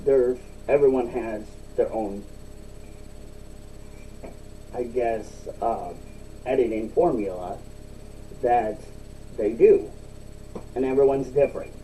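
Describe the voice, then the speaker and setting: A man's voice: unhurried, pauses often, warm tone. A man giving a casual, rambling solo vlog talk with chewing tobacco packed in his lip, using repetitive, emphatic phrasing. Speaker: video blogger. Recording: distant mic, faint rumbling background noise.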